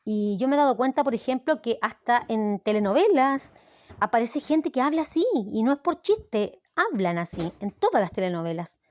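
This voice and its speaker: A woman's voice: on the high side, lively intonation, moderate pace, darkish tone, no room sound. A middle-aged Chilean woman explaining a language lesson, checking in often with her students. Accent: Chilean Spanish. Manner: explanatory, with frequent "¿ya?" check-ins. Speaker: language teacher. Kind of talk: recorded lesson.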